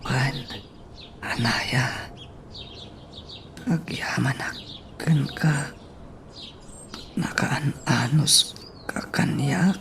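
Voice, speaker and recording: A woman's voice: extremely low pitch, drawn-out words, pauses often, pitched below the performer's own voice, full character voice. A woman voicing a frail patient who is just getting a weak, whispery voice back, in a radio drama. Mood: weak, grateful. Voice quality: breathy whisper, weak and strained. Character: frail patient regaining a lost voice.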